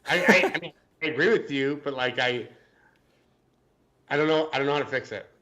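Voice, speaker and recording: A man's voice: on the high side, a little fast, sharp tone. A man co-hosting a casual sports podcast, hesitant and joking, often restarting his sentences. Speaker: podcast co-host.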